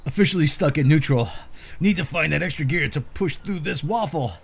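A man's voice: fairly high pitch, a little fast, creaky, breathy edge. A man giving an informal, slangy, theatrically exasperated reading of social media posts.

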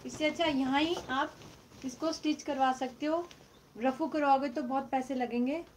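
A middle-aged woman selling used silk sarees on a live stream from home, speaking loudly into her phone and repeating the prices. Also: high voice, fairly even intonation, moderate pace, slight background noise. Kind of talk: live-stream sales chat. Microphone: phone mic, no external microphone.

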